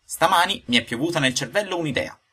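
A touchy old woodcarver, as a male narrator puts him on, squeaks high and loud whenever he is crossed. His voice leaps and swoops, bright and a little husky, and he flares up fast. A storybook figure through and through. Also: animated, heavily acted. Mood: eager. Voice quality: shrill, shouting. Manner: high squeaky outbursts, quick to anger.

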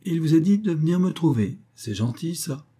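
A man's voice: fairly high pitch, lively intonation, moderate pace, warm tone, husky, pitched above the performer's own voice. A man reading aloud and voicing a poised, self-assured young woman writer who talks in a light, teasing, gracious way. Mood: playful.

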